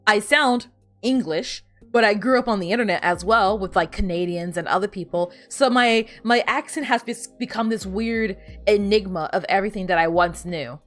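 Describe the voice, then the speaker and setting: Soft music plays behind this streamer, a native Spanish speaker who talks casually to viewers during gameplay. She speaks at a normal speed in a mid-range voice, wandering off topic and often restarting what she's saying.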